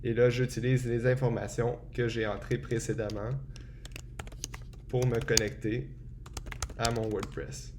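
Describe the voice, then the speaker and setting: A man walks through a software setup step by step in a relaxed tutorial, often pausing with hesitations. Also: mid-range voice, background noise. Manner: relaxed and explanatory, frequent hesitations. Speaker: tutorial presenter. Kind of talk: screen-recorded software tutorial.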